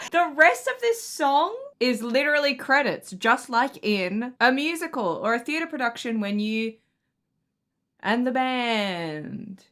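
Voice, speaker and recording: A young woman with an English accent hosting a casual music reaction video, chatty and excitable, laughing often. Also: fairly high pitch, a little slow, slight background noise. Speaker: music reaction channel host.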